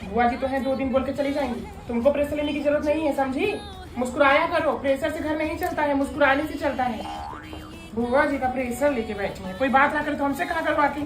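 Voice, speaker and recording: A woman playing a doting, bossy mother-in-law in a comedy sketch, fussing and giving quick commands. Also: high voice, over music, close to an everyday voice. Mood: coaxing. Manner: scolds and fusses in quick commands. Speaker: comic sketch actor.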